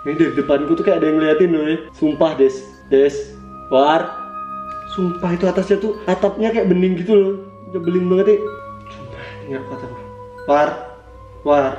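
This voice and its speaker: A man's voice: fairly high pitch, fairly quick, dark tone, echoey room, muffled recording, faint music behind. A young man, hosting a casual horror-challenge vlog in an office, slangy and swearing in jokey banter. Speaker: vlogger. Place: office room indoors.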